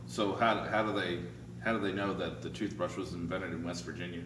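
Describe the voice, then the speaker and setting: A man co-hosting a comedy show, telling old-school jokes in a relaxed, low-key way. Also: brisk. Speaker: comedy podcast co-host. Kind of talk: casual banter, joke-telling. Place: comedy club. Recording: echoey room from far off, hiss.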